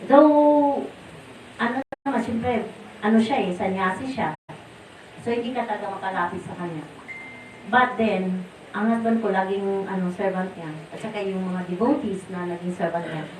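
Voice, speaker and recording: A woman's voice: medium pitch, moderate pace, a little mellow. A middle-aged woman with a Filipino accent, a disciple sharing rambling memories at a temple gathering, often searching for words. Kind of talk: informal remembrance talk, Taglish. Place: temple hall. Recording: roomy, distant mic, faint noise.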